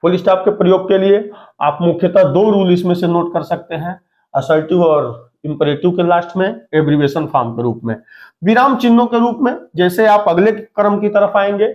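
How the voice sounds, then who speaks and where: A young man teaching English grammar in a Hindi-medium lesson, who explains slowly and repeats example sentences word by word. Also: high voice, lo-fi sound. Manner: addresses students as "beta".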